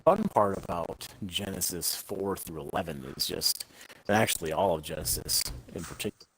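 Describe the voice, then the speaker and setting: A man's voice: deep voice, lively intonation, moderate pace, a bit bright, slightly rough, poor audio. A man talking casually about scripture with friends, thinking aloud and repeating words, his volume jumping and dropping as his mic cuts out. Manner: thoughtful, repeats words while finding phrasing. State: uneven volume, voice drops in and out from a cutting-out mic. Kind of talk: casual Bible talk during an online game.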